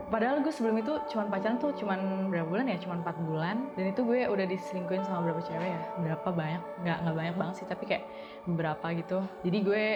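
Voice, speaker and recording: A woman in her late teens tells a personal story in a casual, hesitant way, often pausing to find her words. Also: lowish voice, muffled recording. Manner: hesitant, thinking aloud with many fillers. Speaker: interviewee.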